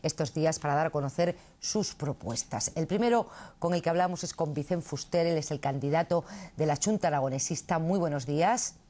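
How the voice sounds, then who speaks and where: A woman hosting a morning TV interview, introducing guests and asking formal, measured questions. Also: low voice, mellow. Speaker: interviewer, TV host.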